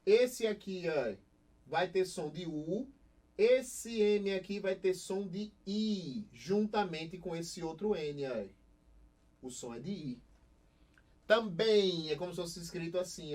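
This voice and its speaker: Brazilian man, young, slightly high voice, lively teacher, quizzes the class, recorded lesson. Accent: Brazilian Portuguese. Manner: lively, asks the class questions and answers them himself. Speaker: Portuguese teacher. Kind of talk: recorded online class lecture.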